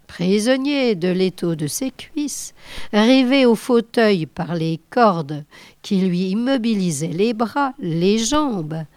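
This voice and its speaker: Slow, dry-voiced woman reading a novel. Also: medium pitch, a little mellow, no echo. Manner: measured, unhurried. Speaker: reader.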